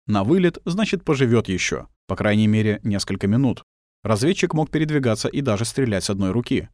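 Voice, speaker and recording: A man's voice: on the low side, quick pace, darkish tone, dry recording, studio quality. A man reading a war novel aloud as scripted audiobook narration.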